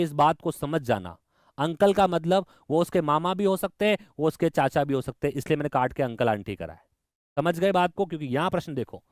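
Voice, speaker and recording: A man's voice: on the high side, clear, resonant tone, no room sound. Man, reasoning teacher, enthusiastic, dry close recording. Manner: enthusiastic, talks to students directly, mixes in English terms. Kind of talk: online exam-prep lecture.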